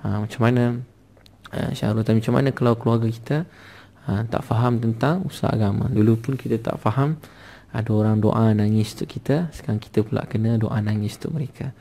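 A man's voice: fairly low pitch, fairly quick, gravelly, dark tone. A man with a Malaysian accent preaching a sermon, telling stories fervently and often interjecting "ha". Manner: fervent storytelling with frequent "ha" interjections.

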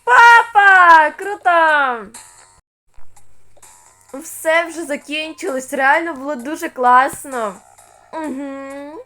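Female, high voice, slow pace, soft-spoken, game role-play, switching characters, faint music. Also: steady tone. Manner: soft-spoken, switching between cashier, parent and child parts. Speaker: channel host playing all parts.

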